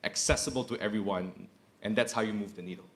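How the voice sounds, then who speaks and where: Speaking at a panel discussion, a man from Indonesia in his 30s, a corporate executive, talks earnestly and repeats phrases for emphasis. He speaks quickly in a fairly low voice.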